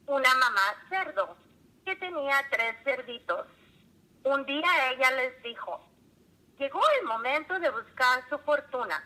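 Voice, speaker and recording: A woman reading a children's story aloud in a slow, clear storytelling manner. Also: sits high, bright, forceful tone, low-quality recording.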